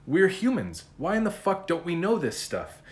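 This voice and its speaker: Blunt, profane dad talking casually. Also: male voice, high-pitched, huge pitch swings, moderate pace. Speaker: podcast host. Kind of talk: casual monologue.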